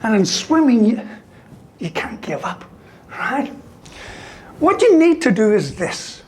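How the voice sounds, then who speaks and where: A man's voice: very high voice, big pitch swings, takes it slowly, a little mellow, husky. A man giving a humorous motivational talk as a university lecturer, asking "right?" after most points. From Ireland. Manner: joking, ends lines with "right?".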